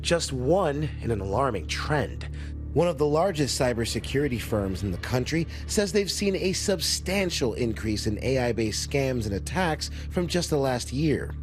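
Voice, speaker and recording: A man narrating a news report and interviewing, with a dramatic, lively delivery. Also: medium pitch. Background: music.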